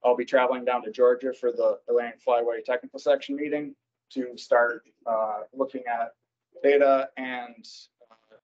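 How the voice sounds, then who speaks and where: Halting man on a video call, husky. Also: medium pitch, a little mellow. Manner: halting, many fillers and self-corrections. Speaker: wildlife biologist presenting to a board. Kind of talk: presenting at a public meeting. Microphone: computer mic on a video call. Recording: dull lo-fi video call audio.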